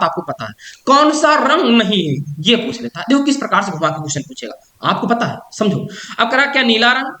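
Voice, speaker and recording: A man teaches an exam-prep lesson in a bright, forceful voice. He poses each question aloud, answers it himself and repeats the key answers slowly so they stick. The sound rings around an echoey room. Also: extremely high pitch.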